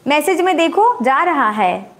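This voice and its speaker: High-voiced woman chatting on a live stream. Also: very animated, a little slow, fairly bright tone. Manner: chatty, reads out viewer comments and teases back. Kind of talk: casual live-stream chat with viewers.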